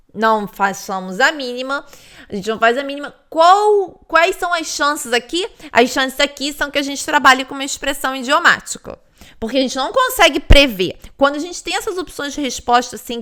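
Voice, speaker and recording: A woman's voice: high-pitched, sharp tone. A woman with a Brazilian Portuguese accent explains test questions in a recorded lesson, checking in often with "né" and "tá". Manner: explanatory, repeats points, many "né" and "tá". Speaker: English test teacher.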